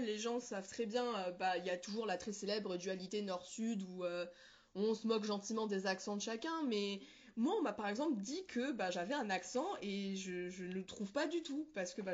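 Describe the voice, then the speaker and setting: Her voice a little high and the sound lo-fi, the New Caledonian woman responds casually to interview questions about her personal experience. She gropes for words now and then and corrects herself.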